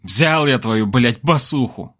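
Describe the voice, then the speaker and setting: Man doing a brash, crude young bassist. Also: sing-song, normal speed, fairly bright tone. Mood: furious. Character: rowdy young male bassist, crude and quick to explode.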